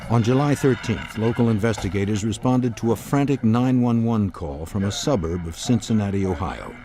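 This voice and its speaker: A man delivering scripted true-crime narration in a measured, grave manner. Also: on the low side, expressive, background noise. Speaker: documentary narrator.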